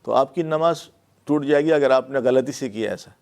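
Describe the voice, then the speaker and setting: A man's voice: mid-range voice, darkish tone. Patient Urdu-speaking male grammar teacher. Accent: Pakistani Urdu. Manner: explains patiently, repeats words and fillers. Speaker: Quran and Arabic grammar teacher. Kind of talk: classroom lecture.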